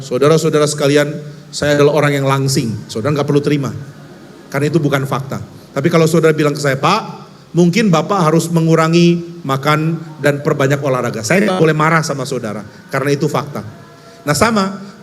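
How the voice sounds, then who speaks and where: Man from Indonesia, preacher, fairly high voice, long hall reverb, emphatic storytelling. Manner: lively storytelling, wry and emphatic. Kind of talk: conversational sermon.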